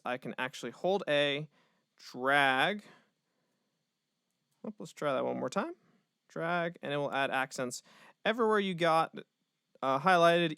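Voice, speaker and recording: A man, a music educator, casually walking through a software tutorial step by step, with the odd filler word. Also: on the high side, gravelly, dry recording, clean studio sound. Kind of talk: screen-recorded software tutorial.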